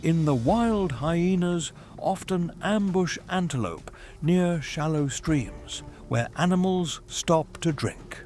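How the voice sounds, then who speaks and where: Higher-pitched man narrating a nature documentary. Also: animated, takes it slowly, hardly any pauses. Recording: music behind the voice. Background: background music.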